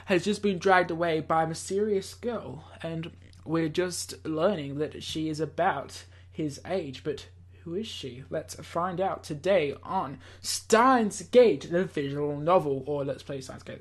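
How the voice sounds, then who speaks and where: Animated and on the high side, this man's voice keeps a moderate pace. As host of a let's play, he narrates a visual novel in a theatrical style, adding casual asides throughout.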